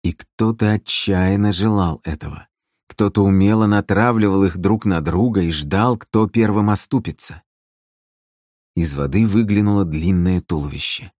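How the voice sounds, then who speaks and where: Male audiobook narrator with a low voice, measured and dramatic, recorded dry. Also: darkish tone, no echo. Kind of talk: scripted narration.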